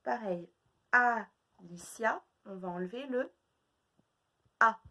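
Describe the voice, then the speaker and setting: A woman teaching a phonics lesson to young children, speaking slowly and repeating each sound and word deliberately. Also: medium pitch, lively intonation.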